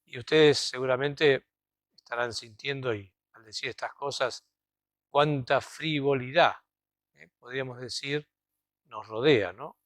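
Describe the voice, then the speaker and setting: An Argentine man with a mid-range, slightly bright voice delivers a reflective homily in a cathedral, speaking a little slowly in Argentine Spanish. His sermon feels conversational and thoughtful, often punctuated with checking tags like "¿no?" and "¿vieron?". The audio is clean studio sound with no room echo.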